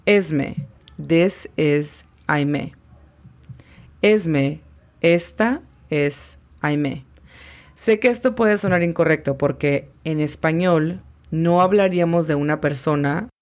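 Slow, low-voiced woman teaching English. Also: a little mellow. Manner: slow, careful spelling-out of English words. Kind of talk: language lesson.

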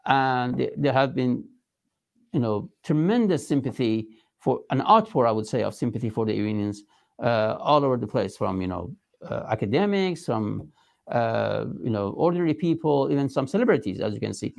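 A man with a Persian accent giving an interview as a political spokesman, speaking emphatically and formally, with halting phrasing. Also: mid-range voice, lively intonation, vocal fry. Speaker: resistance movement spokesman being interviewed.

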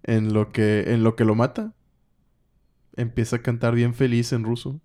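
A man's voice: mid-range voice, moderate pace. A man, co-hosting a casual podcast and animatedly retelling a comic plot. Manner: animated retelling, acting out lines. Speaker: podcast co-host. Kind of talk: casual comic recap chat.

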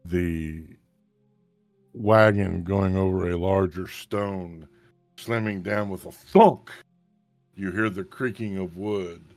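A man running a tabletop game as game master, narrating events in a calm, measured way. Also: low-pitched, no echo, faint music behind.

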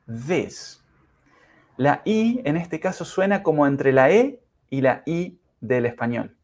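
A man teaching English pronunciation in a podcast lesson, speaking carefully and demonstrating sounds slowly. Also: fairly high pitch, big pitch swings, darkish tone. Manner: slow, careful, exaggerated pronunciation drills.

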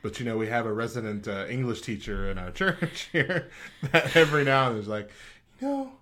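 A man co-hosting a relaxed chat show, reading list items aloud and laughing between them. His pitch rises and falls with animated swings. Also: brisk. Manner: laughs often, reads rules aloud. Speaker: podcast co-host. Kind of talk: casual chat.

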